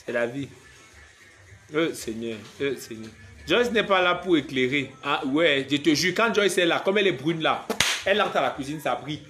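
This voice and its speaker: Casting: young Cameroonian comic on a live stream, joking, reads viewer comments, voice a touch high. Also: male voice, animated, moderate pace, fairly bright tone, faint music behind. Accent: Cameroonian French. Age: young adult. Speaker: comedian doing a live stream. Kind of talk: casual live-stream chat.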